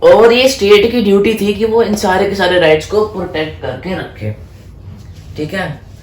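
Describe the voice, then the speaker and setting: A man's voice: sits high, moderate pace. A man giving a casual exam-prep history lesson. He mixes Hindi and English, asks himself questions and then answers them, and stumbles over French names. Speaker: history tutor. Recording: echoey room, faint background noise.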